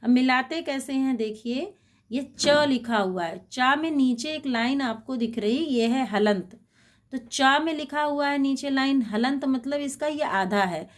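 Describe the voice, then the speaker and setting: A woman teaching a Sanskrit lesson to schoolchildren. She is patient and spells out words slowly, repeating them. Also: high-pitched. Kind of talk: slow explanatory lesson for schoolchildren.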